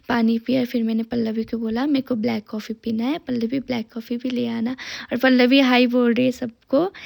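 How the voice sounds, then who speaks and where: A woman's voice: a little high, gravelly, darkish tone. A woman who owns a salon, narrating her day in a chatty vlog and talking to her viewers between stories. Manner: chatty, talks nonstop, friendly asides to viewers. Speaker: salon owner vlogger.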